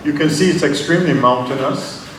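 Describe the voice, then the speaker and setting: A man, giving an unhurried, personal academic lecture with slides and frequent ums. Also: a little high, fairly bright tone. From Jamaica. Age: 70s. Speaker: invited lecturer. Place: large conference hall. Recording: very echoey hall, distant mic, noisy.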